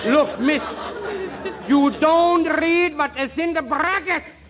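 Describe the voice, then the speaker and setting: An exasperated comic stage director. His voice is very high and swoops as he pleads slowly, repeating himself. It is an old comedy recording with a crowd behind him. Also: very noisy. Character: exasperated stage director losing patience with an actress. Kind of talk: old-time comedy acting.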